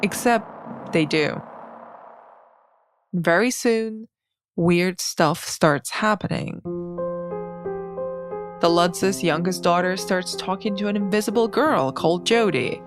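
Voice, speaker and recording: A woman's voice: on the low side, slow pace, long pauses, music in the background. A woman hosting a podcast, reading scripted narration. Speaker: podcast host.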